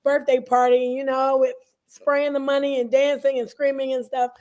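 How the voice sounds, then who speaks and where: A high-voiced woman from the talks as an interview guest, her easygoing. Her voice is a little hoarse and scratchy, and she explains things in a conversational way over a video call. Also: level tone, normal speed, darkish tone. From Southern US, Alabama and Georgia. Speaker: guest, entrepreneur. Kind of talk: interview answers.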